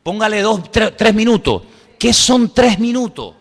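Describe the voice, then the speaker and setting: Animated Spanish pastor in a reverberant hall. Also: male voice, high-pitched, a little slow. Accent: Spain Spanish. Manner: animated preaching with rhetorical questions and sudden soft asides. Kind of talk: sermon. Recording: church hall with long reverb.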